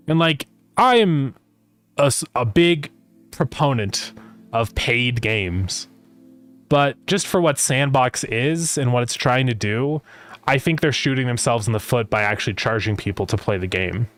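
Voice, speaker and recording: A man's voice: mid-range voice, a bit bright. A man chatting casually as a game developer livestreamer, rambling as he thinks aloud, his speech slightly slurred by retainers. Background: music.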